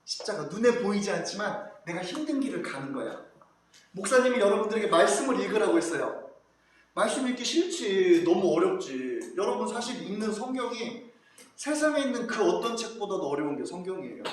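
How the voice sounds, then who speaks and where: A male pastor giving a children's sermon, animated, asking the children questions and acting out voices. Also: sits high. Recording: echoey hall, far from mic, faint noise.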